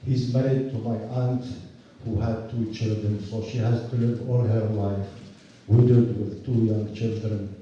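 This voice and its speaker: An older man from Palestine, a university professor, giving an earnest, measured rally speech outdoors. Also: fairly low pitch, steady tone, dark tone, very echoey, distant mic, dull audio, slight background noise. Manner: earnest, measured storytelling with restarts.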